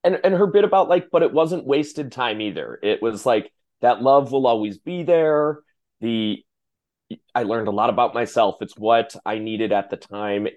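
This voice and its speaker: Man, early thirties, podcast co-host, relaxed casual chat, middle pitch. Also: moderate pace, lo-fi sound. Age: 30s. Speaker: guest co-host.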